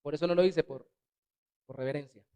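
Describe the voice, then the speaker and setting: Animated preaching pastor with smooth voice. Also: male voice, fairly high pitch, brisk. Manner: animated preaching with sudden loud and soft swings. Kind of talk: sermon. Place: church sanctuary.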